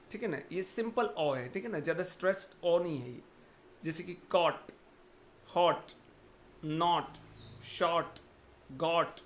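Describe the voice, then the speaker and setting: A man's voice: high-pitched, a little hiss or hum. A man teaching a phonetics lesson. He explains step by step, checks in often with his listeners and reads example words out one at a time.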